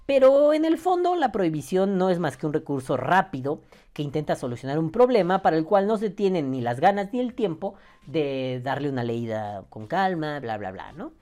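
A man's voice: on the high side, very animated, normal speed, a little mellow. Profane, sarcastic Mexican man ranting. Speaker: podcast host. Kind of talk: casual podcast rant.

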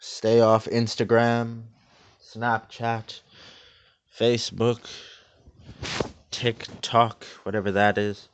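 A man speaks in a slow, hushed, soothing way, keeping a flat deadpan calm throughout. His voice sits a little low and sounds smooth and resonant. The recording is slightly dull and lo-fi. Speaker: host of a parody meditation video. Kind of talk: deadpan parody of a guided meditation.

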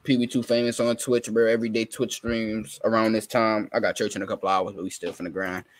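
A man's voice: lowish voice, flat delivery, fairly quick. A young man in his twenties hosting a podcast, teasing and swearing in loose casual banter. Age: 20s. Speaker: podcast host.

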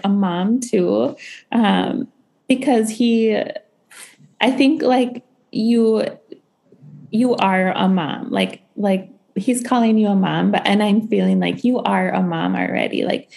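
A woman hosting a podcast and giving an intuitive reading, gentle and halting with many pauses and ums, speaking reassuringly. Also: medium pitch, creaky.

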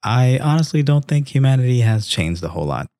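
A young man hosting a Bible reading show, telling the stories in a casual, animated way and acting out the characters' lines. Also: medium pitch, brisk, no room sound, studio quality. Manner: animated storytelling, acts out quotes; conversational with frequent restarts. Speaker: Bible reading podcast host. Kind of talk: casual devotional commentary.

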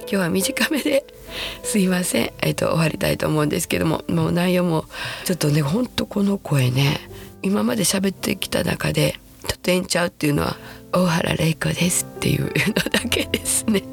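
A woman in her sixties with a Kansai accent hosts a casual podcast, her voice husky and hoarse from a throat cold. It sits low and gravelly, and she talks in a chatty, self-deprecating way. Faint music plays behind her. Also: lively intonation. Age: 60s. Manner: chatty, self-deprecating, slows to a soft hush at times. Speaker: podcast host. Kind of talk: casual solo podcast talk.

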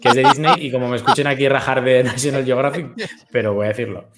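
A man's voice: medium pitch, quick pace, a bit bright. A man with a Spain Spanish accent and an ordinary mid-range voice. He chats as a podcast guest. He tells long, winding anecdotes with a casual, profane edge. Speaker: guest commentator. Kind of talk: casual chat.

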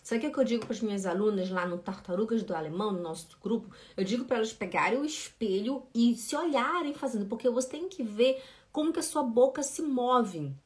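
A woman teaching German in a casual live stream, chatty, greeting viewers by name and drilling sounds slowly. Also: on the high side. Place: home room with lights.

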